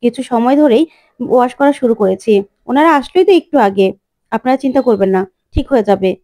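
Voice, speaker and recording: Woman doing a calm doctor explaining stuff, high dry voice. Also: no echo, close to an everyday voice. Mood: reassuring. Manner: measured, explanatory. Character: calm hospital doctor, stern then reassuring.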